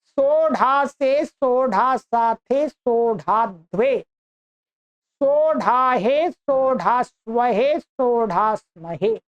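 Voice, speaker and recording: A woman teaching a language class, reciting verb forms one by one in a slow, deliberate chant for students to repeat. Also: a little high, muffled recording. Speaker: Sanskrit teacher. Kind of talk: reciting verb conjugations in a lesson.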